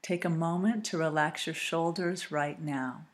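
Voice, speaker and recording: Calm woman reading a guided relaxation script, kinda low voice, super slow and soothing.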